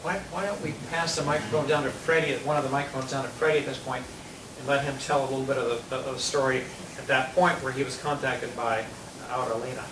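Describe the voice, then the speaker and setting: A man moderating a panel, brisk and courteous. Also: medium pitch, fairly even intonation. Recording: roomy hall, distant mic, noisy.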